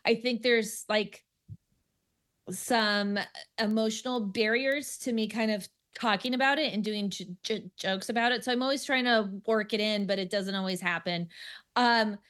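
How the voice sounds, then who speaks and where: A stand-up comedian who stutters chats casually in a radio interview, her voice medium in pitch, a bit bright, and moderately paced. She restarts often, leans on fillers, and laughs easily.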